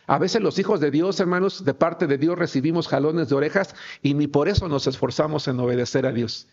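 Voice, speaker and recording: A man preaching an emphatic sermon, a little high in pitch and gravelly with vocal fry. He keeps turning to the congregation with rhetorical questions. The recording sounds dull and lo-fi. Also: fairly quick. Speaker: pastor.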